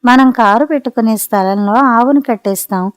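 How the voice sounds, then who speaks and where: A woman's voice: on the high side, brisk, no echo, studio quality, close to an everyday voice. A woman reader voicing a playful, stubborn young wife who coaxes and wheedles, in a storybook reading. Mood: boastful. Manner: coaxing, wheedling.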